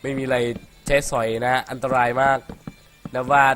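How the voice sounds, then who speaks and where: A man's voice: mid-range voice, flat delivery, normal speed, fairly bright tone. A young man from Thailand giving casual, profane let's-play commentary, chattering and laughing as he plays. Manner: rowdy and profane, laughs a lot, playful chatter. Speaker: gaming commentator.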